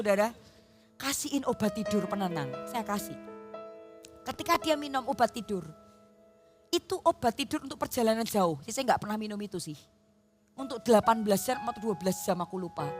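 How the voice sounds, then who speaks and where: Seorang pendeta wanita berlogat Jawa berkhotbah di gereja dengan suara yang agak tinggi. Ia bercerita dengan ekspresif dan sering menyapa jemaatnya secara langsung. Di belakangnya terdengar musik yang samar. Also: female voice, on the high side. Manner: expressive, storytelling, addresses the congregation. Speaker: pastor. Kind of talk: sermon. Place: church.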